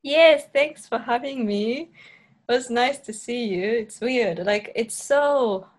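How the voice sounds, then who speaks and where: A woman's voice: fairly high pitch, slow pace. Chatty woman guest. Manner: chatty, many fillers, playful laughs. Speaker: podcast guest. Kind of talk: casual interview chat.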